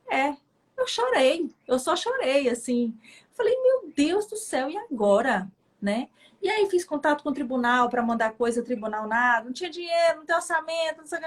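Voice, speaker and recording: Middle-aged Brazilian woman judge, fairly high voice, intense and expressive, casual interview talk. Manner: emotional, expressive storytelling.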